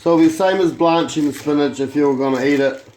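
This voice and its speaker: A man's voice: on the high side, steady tone, fast, darkish tone, low-quality recording. A man giving an informal, sweary home cooking demonstration as an amateur cook, sounding drunk. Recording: clear background noise, clicks.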